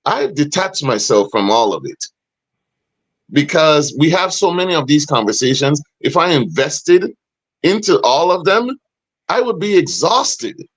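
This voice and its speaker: Hosting a relaxed podcast, a middle-aged man with a booming, deep voice talks a little slowly and with emphasis, becoming animated when he presses with pointed questions. The sound is dry and close with no echo, though the recording is rough.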